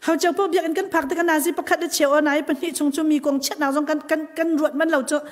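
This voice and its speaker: A woman's voice: extremely high pitch, fairly even intonation, very fast, big-room sound. A woman preacher giving a live church sermon with an emphatic delivery that rises and falls. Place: church hall.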